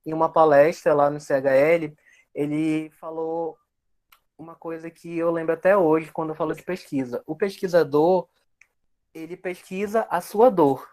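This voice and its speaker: A man's voice: on the high side, fairly even intonation, moderate pace, a little mellow. A young man, a researcher guest explaining his work reflectively at length. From Amazonas, Brazil. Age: young adult. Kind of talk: casual interview.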